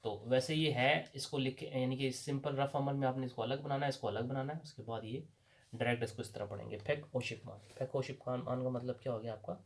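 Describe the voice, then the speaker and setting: This man speaks at a medium pitch with a steady tone and a quick pace. He has a Pakistani Urdu accent and teaches a language lesson at a board, patiently posing questions and answering them himself.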